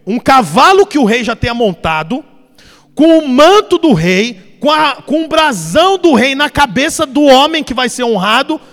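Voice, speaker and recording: High-voiced preacher telling a story. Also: male voice, moderate pace. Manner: animated, acts out the characters. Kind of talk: sermon storytelling. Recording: long reverb, soft music behind.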